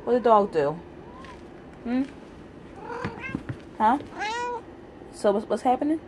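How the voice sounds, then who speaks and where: A woman's voice: a little high, expressive, takes it slowly. A young woman talking baby talk to her pet cat, cooing and coaxing with little questions, in a noisy handheld home recording. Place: indoors at home. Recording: clear background noise, handheld home recording.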